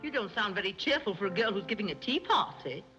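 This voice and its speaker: A woman's voice: medium pitch, lively intonation, fast talker, dull audio, natural voice. An actress playing a scatterbrained, gushing society mother in a 1930s screwball film. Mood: flustered. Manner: flighty, gushing, giggly. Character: scatterbrained fluttery middle-aged society mother. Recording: old 1930s film soundtrack, music behind.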